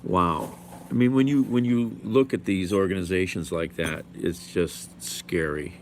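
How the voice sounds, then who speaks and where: Male host, low creaky voice, slow and blunt, casual muttered reaction commentary, faint noise behind.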